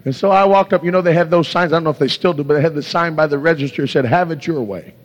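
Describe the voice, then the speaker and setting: A male evangelist preaches with passion, weaving in stories and breaking out in hallelujahs. His voice sits a little high. The sound is muffled and lo-fi, with a long echo from a big hall. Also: fast talker. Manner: impassioned, exclaims hallelujah and glory to God. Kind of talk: sermon with storytelling. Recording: echoey hall, dull lo-fi sound.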